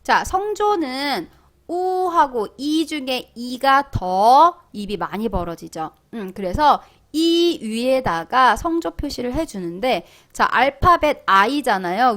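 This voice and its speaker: A young woman gives a language lesson in an animated, playful way. Her voice sits fairly high and moves a lot in pitch. She speaks at an unhurried pace and stretches each modeled sound out loudly. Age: young adult. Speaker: Chinese language teacher.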